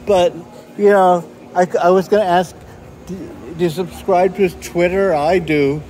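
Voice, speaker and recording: A man filming as he walks outdoors, chatting casually and rambling with halting restarts. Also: high-pitched, fairly even intonation, warm tone. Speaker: vlogger filming a walk. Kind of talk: casual chat while walking. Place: outdoors by a convention center and parking lot. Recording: outdoor street noise.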